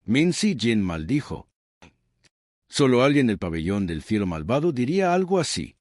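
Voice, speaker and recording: A man narrating a scripted story recap in a measured, dramatic storytelling manner. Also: mid-range voice, big pitch swings, a little mellow, no echo, studio quality.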